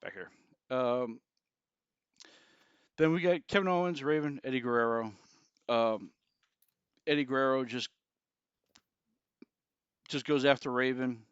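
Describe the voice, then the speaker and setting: A man's voice: medium pitch, clear, resonant tone, no room sound. A man co-hosting a podcast, casually narrating an imagined match. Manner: storytelling, acts out wrestler quotes. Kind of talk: casual chat. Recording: slightly dull lo-fi sound.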